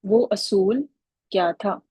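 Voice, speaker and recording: A woman's voice: mid-range voice, takes it slowly, mellow, breathy edge, no echo, low-quality recording. A woman teaching an Arabic grammar lesson online over a video call, patiently calling on students by name.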